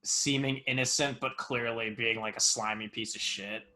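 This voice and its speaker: Bright-voiced enthusiastic young man. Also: medium pitch, fairly even intonation, normal speed. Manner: enthusiastic, rambling, swears casually. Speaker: podcast co-host. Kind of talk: casual chat.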